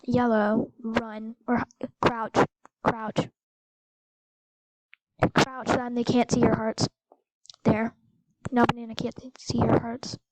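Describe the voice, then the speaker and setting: Female game host, high pitch, excitable, coaching a friend; dry close recording. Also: takes it slowly, no echo, low-quality recording. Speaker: gameplay video host. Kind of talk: casual gameplay chat.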